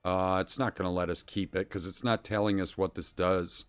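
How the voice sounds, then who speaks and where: A man's voice: low-pitched, level tone, moderate pace, clear, resonant tone. A man streaming a role-playing game, casually thinking aloud and reading out game text as he plays.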